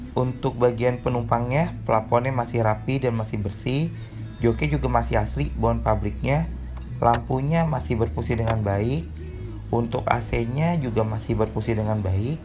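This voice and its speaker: A man's voice: mid-range voice, darkish tone. A man giving a scripted, methodical vehicle inspection narration as an auction presenter. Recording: music playing behind the voice. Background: music.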